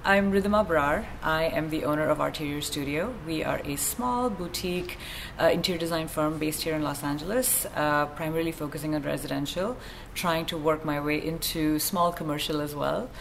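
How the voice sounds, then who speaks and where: Low-voiced woman from Kuwait, chatty. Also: a little fast, creaky, slight background noise. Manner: chatty, self-deprecating, with fillers. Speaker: interior design firm owner. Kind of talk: panel self-introduction.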